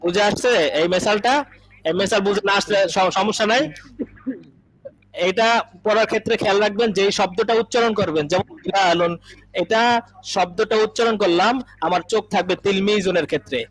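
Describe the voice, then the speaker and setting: A man's voice: sits high, steady tone, brisk, a bit bright, low-quality recording. A male Arabic teacher giving an online class lecture, patiently explaining with everyday examples, repeating phrases and often checking whether students understand.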